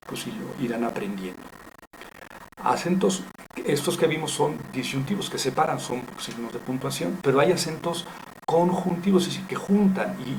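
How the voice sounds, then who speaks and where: A man teaching Biblical Hebrew in a recorded lecture, explaining deliberately with frequent fillers and self-corrections. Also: medium pitch, noisy background.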